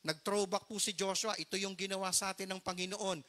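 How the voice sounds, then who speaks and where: A man's voice: high-pitched, steady tone, brisk, pushed and bright. A middle-aged man preaching a storytelling sermon as pastor, earnest and mixing English phrases into his Tagalog.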